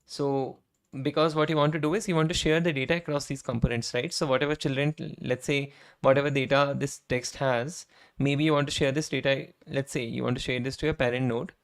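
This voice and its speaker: This software engineer streams himself coding and chats briskly, his medium-pitched voice hoarse and almost gone but fairly even in intonation. "Right?" caps many of his lines, he clears his throat often, and typing and clicks can be heard.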